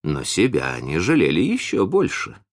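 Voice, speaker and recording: A man narrating a children's story in an expressive, animated audiobook reading. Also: low-pitched. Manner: animated storytelling, slow and deliberate.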